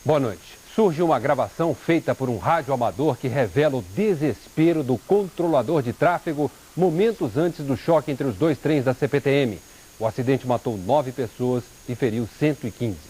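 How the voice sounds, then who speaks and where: Mellow male news anchor, faint hiss. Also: mid-range voice, animated, normal speed, rough recording. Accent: Brazilian. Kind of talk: scripted news reading.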